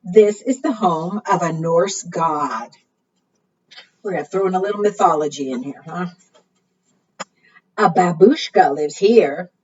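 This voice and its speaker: A woman with a husky, darkish voice on the low side reads a little slowly with long pauses. She is a librarian leading storytime for preschoolers, sing-song in manner and often asking them questions. A distant microphone leaves the recording muffled.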